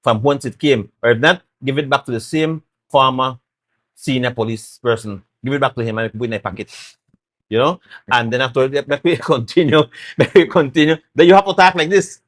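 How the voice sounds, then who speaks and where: A man's voice: mid-range voice, fairly quick, a bit bright. Emphatic Belizean man on a talk show. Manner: emphatic, repeats points, acts out quotes. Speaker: guest, former party chairman.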